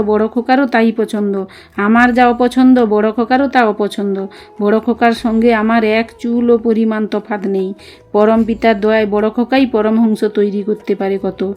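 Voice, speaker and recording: A tender, wistful old guru speaks in a gentle, confiding way, voiced by a woman reading his words aloud. The voice sits fairly high yet sounds mellow and warm, with soft music faintly underneath. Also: close to an everyday voice.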